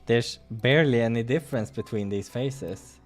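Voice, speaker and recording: A man hosts a playthrough of a visual novel, reading the narration dramatically and offering casual comments on the game. His voice is medium-pitched and moderately paced, with faint music in the background.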